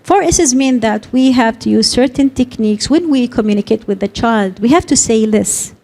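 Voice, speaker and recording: A woman's voice: on the high side, expressive, normal speed, mellow. Woman giving a conference talk. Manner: explains with many acted examples of parent talk. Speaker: speech and language consultant.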